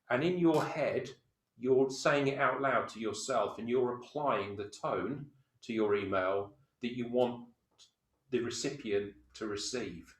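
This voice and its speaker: A man co-presenting a training webinar over a video call, with a voice of middling pitch. He explains his points through strings of rhetorical questions and everyday examples, and the audio sounds roomy.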